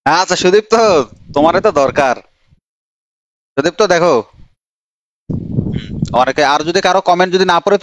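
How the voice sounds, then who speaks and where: Male coaching teacher, fast chatty delivery, slightly high voice, dry close sound. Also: a bit bright, no room sound. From Bangladesh. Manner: chatty, teasing, calls on students by name. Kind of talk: live online grammar class.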